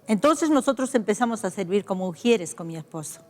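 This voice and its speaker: An older woman pastor from Peru, with a Peruvian accent, telling her life story as a personal testimony, reflective and heartfelt, pausing and restarting. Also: mid-range voice, expressive, long reverb tail. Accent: Peruvian Spanish.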